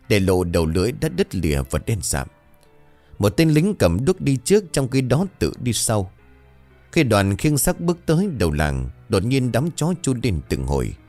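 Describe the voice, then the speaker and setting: A man reading a horror story aloud in a dramatic, expressive narration. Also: fairly low pitch.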